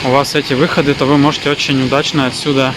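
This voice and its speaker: A man's voice: medium pitch, little pitch movement, fast talker. A man giving a casual walk-through tour commentary as a vlogger on location. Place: on location in and around an airport. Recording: loud ambient noise behind voice.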